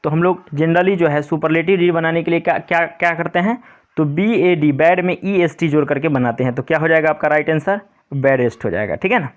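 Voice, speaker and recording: A man's voice: fairly high pitch, lo-fi sound. Patient man teaching grammar. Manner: repetitive, patient, keeps saying "pay attention"; reads English sentences slowly, word by word. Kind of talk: explaining an English grammar lesson to pupils.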